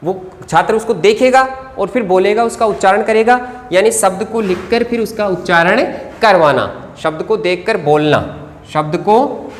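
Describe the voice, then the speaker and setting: A Hindi teacher gives an exam-prep lecture while writing on a board. The teacher asks the class questions, answers them, and dictates notes slowly word by word. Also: medium pitch. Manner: addresses viewers as friends. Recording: reverberant room with faint background noise.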